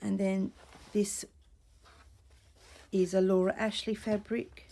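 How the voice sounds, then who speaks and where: Soft-spoken croaky woman with a mellow voice. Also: mid-range voice, level tone, slow pace. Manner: soft-spoken, rambling, drifts into near-whispers. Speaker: vlogger showing vintage finds. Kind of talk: casual show-and-tell chat. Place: small room at home. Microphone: camera or tablet on a desk.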